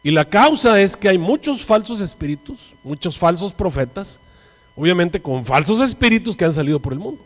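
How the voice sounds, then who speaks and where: Mexican pastor preaching, kinda high voice for a guy, big echoey church, goes quiet then loud. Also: very animated, moderate pace. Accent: Mexican Spanish. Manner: dramatic, swings from hushed to loud. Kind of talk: sermon storytelling. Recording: long church hall reverb.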